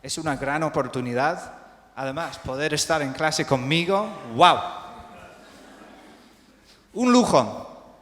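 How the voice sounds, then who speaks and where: Man, teacher, slow drilled pronunciation, bilingual, roomy hall echo. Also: a little high. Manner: lively, drills words slowly, switches between English and Spanish. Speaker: English teacher. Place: hospital lecture hall. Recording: echoey hall with long reverb.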